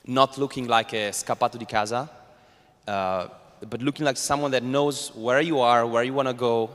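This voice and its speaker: A man's voice: medium pitch, steady tone, normal speed, fairly bright tone. A man with an Italian accent, a native Italian speaker, answering as a startup founder on a panel, hesitantly searching for words. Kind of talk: informal spoken panel answer. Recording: reverberant hall.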